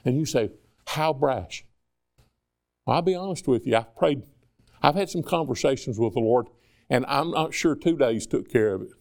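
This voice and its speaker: A man preaching a sermon in a conversational, animated way, asking the congregation rhetorical questions. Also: mid-range voice, normal speed, creaky, pauses often.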